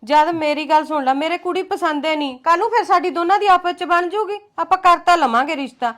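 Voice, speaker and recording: A woman's voice: very high-pitched, brisk, a bit bright. An actress playing a scheming mother who coaxes and scolds her grown son in a short film drama. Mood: coaxing. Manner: coaxing, then scolding. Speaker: actor.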